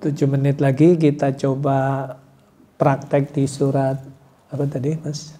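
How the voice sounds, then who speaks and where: A man teaching Quran pronunciation in a mosque hall, demonstrating letter sounds slowly and counting the class in before each repetition. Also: mid-range voice, little pitch movement, mellow, slight background noise. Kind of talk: tajwid pronunciation lesson in a mosque study circle.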